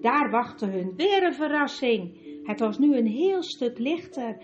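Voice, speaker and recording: A woman narrates a storybook in a calm, even tone. Her voice is high. The recording is dull, with music playing behind her. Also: unhurried.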